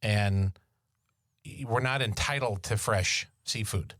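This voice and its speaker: A man with a fairly low voice co-hosting a podcast and tossing in dry, sarcastic one-liners. He sounds relaxed and conversational. The close mic gives a dry, echo-free sound. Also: takes it slowly. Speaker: podcast co-host. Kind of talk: casual chat.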